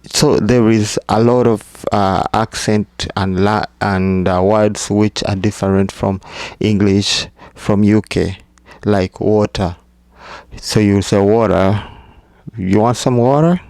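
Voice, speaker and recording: Slow, gravelly-voiced man vlogging. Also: lowish voice, flat delivery, a little mellow, no echo. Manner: slow, halting, with restarts. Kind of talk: casual advice talk to camera.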